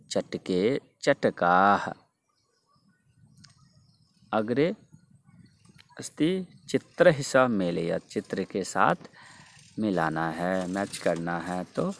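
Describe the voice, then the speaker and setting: A man's voice: low-pitched, a little hiss or hum. A male teacher explaining grammar and reciting word forms for students to repeat. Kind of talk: Sanskrit grammar lesson with drills.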